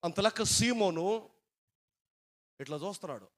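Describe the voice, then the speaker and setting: A middle-aged male pastor preaching a sermon, swinging from soft asides to loud dramatic cries. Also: sits high, expressive, normal speed.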